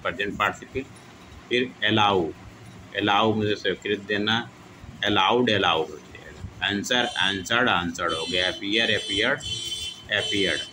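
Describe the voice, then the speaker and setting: A man teaching English grammar in Hindi with a Hindi accent, repeating each verb form slowly in drill style. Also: lowish voice, noisy background. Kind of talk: classroom lesson reciting verb forms.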